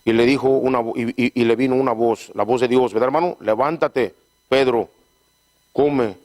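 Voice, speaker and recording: A man's voice: medium pitch, little pitch movement, a little mellow. A man preaching a sermon who keeps asking his congregation for agreement and stumbles and repeats words as he reads scripture aloud. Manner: call-and-response, frequent "¿verdad?"; halting, repeats words while reading scripture. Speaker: pastor.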